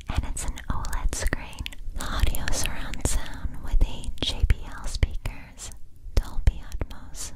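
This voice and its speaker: A young woman softly whispering a scripted ASMR sponsor read in a breathy, unvoiced voice, enunciating carefully. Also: low-quality recording. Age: young adult. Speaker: ASMR creator.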